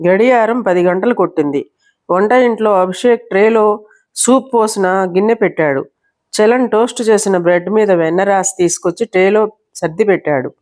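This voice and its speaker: A woman storyteller reading a novel aloud in a steady, expressive way. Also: medium pitch, normal speed.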